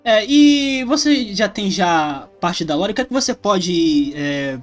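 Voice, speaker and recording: A man hosts an interview, asking casual questions in a fairly high voice. Faint music plays behind him. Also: expressive, slow. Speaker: host.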